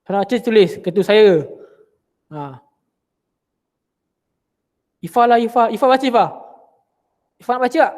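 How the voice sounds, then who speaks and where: A man with a Malaysian Malay accent teaching children religion in an online class, lively and full of questions for his pupils. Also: high voice, normal speed, long pauses.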